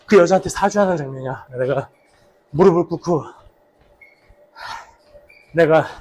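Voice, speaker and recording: Guy doing a casual vlog while jogging, kinda high voice w some husk, telling old stories. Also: a little mellow. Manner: talking while slow running. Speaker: actor, vlog host. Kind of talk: casual vlog reminiscing about a past drama role.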